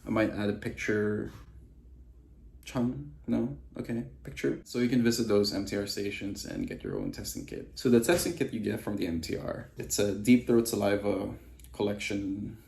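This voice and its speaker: A man's voice: lowish voice, expressive, normal speed, gravelly, darkish tone. A man vlogging casually from a quarantine room, talking offhand and frank and swearing now and then. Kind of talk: casual vlog monologue. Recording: echoey room, faint background noise.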